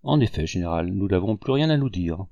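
A man's voice: low voice, lively intonation, fairly quick, warm tone, dry recording, highs cut off. A man voicing a proud rebel commander who speaks with grave bitterness, in an audiobook. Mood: bitter.

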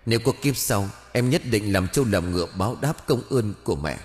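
A man's voice: lowish voice, expressive, fairly quick, darkish tone, big-room sound, faint music behind, natural voice. A man voicing the vengeful ghost of a young woman, bitter and grieving, spitting out harsh words in an audio ghost story. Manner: harsh, spits words one by one.

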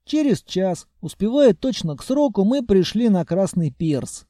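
A man reading an audiobook with an ironic, animated delivery. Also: high voice, unhurried, no room sound, clean studio sound. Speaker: audiobook narrator. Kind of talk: scripted narration.

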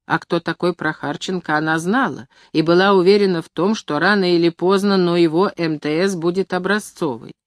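A woman with a fairly low voice narrates a novel in an audiobook, measured and even. The recording is very dry and close, with no room sound behind her. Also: no echo. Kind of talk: scripted literary narration.

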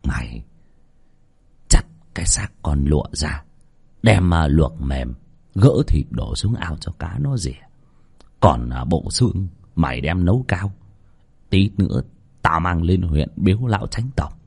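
A man voicing a cruel, scheming old village chief who speaks in a low, menacing, hushed way. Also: very animated, normal speed, long pauses, breathy edge, exaggerated voice. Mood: whispering.

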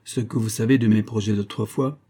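A man's voice: fairly low pitch, fairly even intonation, fairly quick, mellow, lightly acted. A man voicing a cold, authoritative male billionaire who gives curt orders in a raised voice. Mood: icy, commanding.

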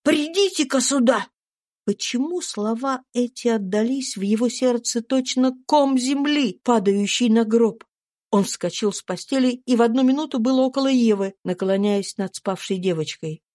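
A woman's voice: a little high, a little mellow, no room sound, studio quality. Solemn woman narrating an audiobook. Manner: slow, solemn, deliberate. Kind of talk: scripted literary narration.

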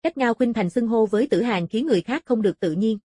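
Slightly husky woman narrating a novel. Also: on the high side, expressive, fast, dark tone, no echo, clean studio sound. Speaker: audiobook narrator. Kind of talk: scripted narration of a wuxia novel.

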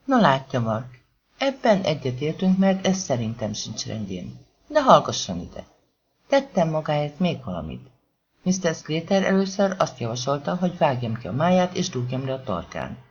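A man voicing a menacing male gangster who talks quietly but commandingly, calm and furious at once, with swearing and threats. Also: on the high side, slightly rough, exaggerated voice. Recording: dull lo-fi audiobook recording.

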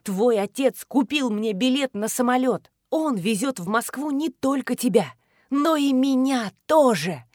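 A woman reading an audiobook voices a fierce, scornful teenage girl who hisses and shouts in sharp indignation. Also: high voice, lively intonation, unhurried, dry recording, studio quality, voice pushed up. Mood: bitter. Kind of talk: audiobook character voice.

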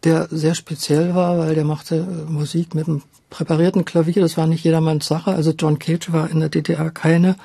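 An older woman who once directed radio dramas reflects in an interview, speaking a little haltingly and repeating words for emphasis. Her deep, mellow voice has vocal fry and a breathy edge, with little pitch movement, and the recording has no echo.

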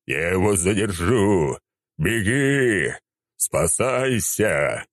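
A boastful, theatrical necromancer, as a man puts him on in an audiobook, declaiming slowly in a deep, gravelly voice. His delivery rolls with lively swings of pitch and sounds close and dry. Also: no echo, exaggerated voice. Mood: dramatic. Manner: slow drawling bombast.

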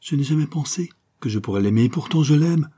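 A man's voice: fairly high pitch, lively intonation, quick pace, mellow, slightly rough, pitched above the performer's own voice. A man reading an audiobook voices a young woman torn by love, with a trembling, plaintive delivery. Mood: earnest.

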